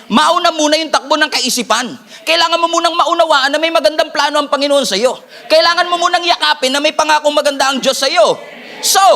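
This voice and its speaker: Male pastor, sermon, high bright voice, lively call-and-response, repeats lines for emphasis. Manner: animated preaching with jokes and call-and-response.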